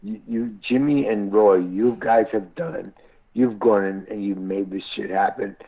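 A man with a lowish voice, steady tone and measured pace rings in to a live radio show on his cell phone. The connection is tinny, crackly and keeps cutting out as he rambles on, profane and stammering, restarting again and again.

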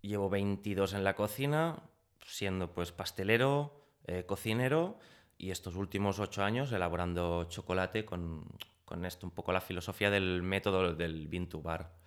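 Low-voiced man in his thirties. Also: normal speed, clean tone. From Spain. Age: 30s. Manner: chatty, acts out quoted dialogue with rising pitch. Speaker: guest, pastry chef. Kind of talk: casual interview storytelling.

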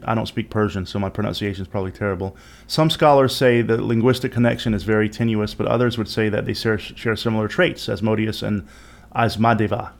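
A man with a creaky, gravelly edge to his middling-pitched voice hosts an explanatory lecture. He talks conversationally, musing aloud and turning to the listener with small rhetorical questions. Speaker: host and presenter of an educational video series.

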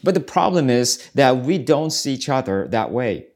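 With big swings in pitch around a mid-range voice, a South Korean man speaks at normal speed while hosting his ministry podcast. His devotional talk comes across as earnest, reflective, searching and preacherly.

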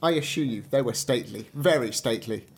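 A man's voice: medium pitch, fast, a little hiss or hum, close to an everyday voice. A man voicing a self-assured old male stork with a knowing manner.

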